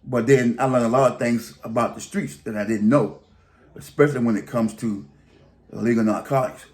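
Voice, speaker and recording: A man's voice: medium pitch, a little mellow. A man telling a long story in a casual, rambling, colloquial way, often restarting his sentences. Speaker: vlogger.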